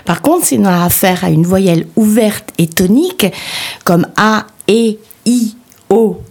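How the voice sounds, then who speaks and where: A woman's voice: medium pitch, measured pace, a little mellow, husky. A woman co-hosting a radio show, carefully reading out rules of accents and spelling, at times hesitant. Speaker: radio co-host. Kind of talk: language lesson chat on radio.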